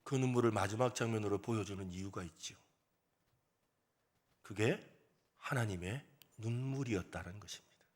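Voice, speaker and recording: A man's voice: fairly low pitch, moderate pace, pauses often. A male pastor preaching a sermon in a church, telling a story with animation and asking the congregation rhetorical questions. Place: church sanctuary.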